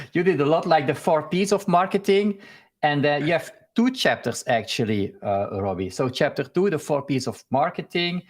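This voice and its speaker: A man with a Belgian accent and medium pitch hosts a casual live stream interview over a video call. He talks haltingly, with frequent fillers and restarts.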